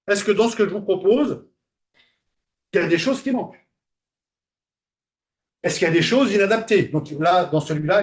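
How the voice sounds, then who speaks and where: A man whose voice sits high gives a classroom lecture in a conversational tone. He asks the class questions and pauses on fillers.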